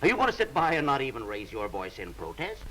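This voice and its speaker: Fast-talking, persuasive politician. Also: male voice, medium pitch, huge pitch swings, a bit bright, a little hiss or hum, poor audio. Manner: persuasive, hurried. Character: smooth-talking, persuasive reform party politician. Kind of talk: 1930s comedy film acting.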